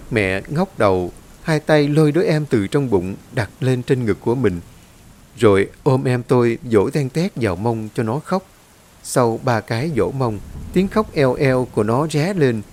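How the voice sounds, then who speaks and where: Man narrating a ghost story expressively. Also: mid-range voice. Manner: dramatic, expressive reading. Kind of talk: scripted horror story narration.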